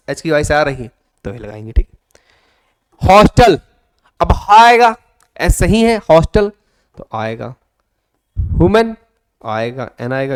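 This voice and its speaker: A man teaching an English grammar lesson, coaxing students and repeating their answers in a lively classroom manner. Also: on the high side, no echo, studio quality.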